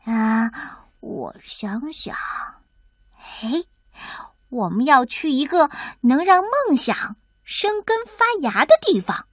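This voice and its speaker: A woman's voice: high voice, sing-song, takes it slowly, dry recording, heavily acted. A woman voicing a cheerful, thoughtful little male mouse who talks eagerly.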